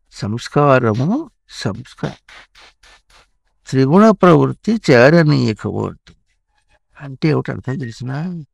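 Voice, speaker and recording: A man, a spiritual teacher, gently instructing a child through repeated questions. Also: on the high side, creaky, no echo. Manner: animated, repetitive questioning.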